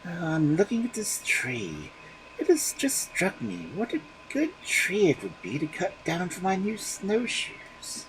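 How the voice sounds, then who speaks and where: A man voicing a sly, greedy fox in a storybook reading, sounding smooth and falsely reasonable. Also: high voice, huge pitch swings, takes it slowly, background noise, voice pushed up, heavily acted.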